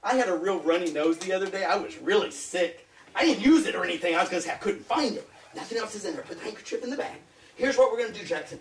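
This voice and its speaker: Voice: medium pitch, animated, quick pace, distant mic. A party magician doing playful, teasing patter for children, often laughing between lines. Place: birthday party, indoors. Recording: roomy home video from afar. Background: loud chattering crowd and noise.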